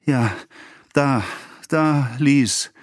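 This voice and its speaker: A man's voice: fairly low pitch, slow pace, breathy edge, dry recording, studio quality, voice pushed up. A man voicing a dying young wife, her words strained and breathless with pleading. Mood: anguished.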